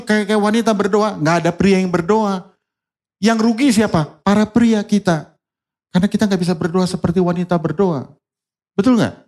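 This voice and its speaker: A male pastor preaching a lively sermon at a church service, asking the congregation questions and acting out the people in his stories. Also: sits high.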